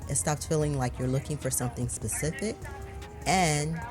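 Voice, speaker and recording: A measured, even-paced narrator reads a scripted travel voice-over at a middling pitch. Soft background music runs underneath the voice. The delivery is calm and steady. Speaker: vlog narrator.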